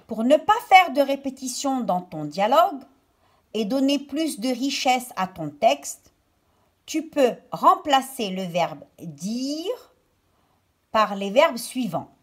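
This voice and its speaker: A husky, somewhat high-pitched woman teaches young children in a recorded primary school lesson. She is didactic, breaking things into steps and delivering them phrase by phrase as though dictating, with stress on key words.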